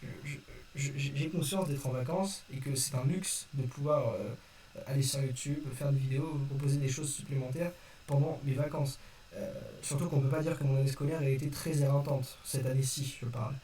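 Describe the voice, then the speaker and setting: With a mid-range, dark voice and a fairly quick pace, a young man talks casually to his viewers. He's unscripted, hesitant, and apologetic, often correcting himself. The mic sits at a distance in a roomy space, with faint noise.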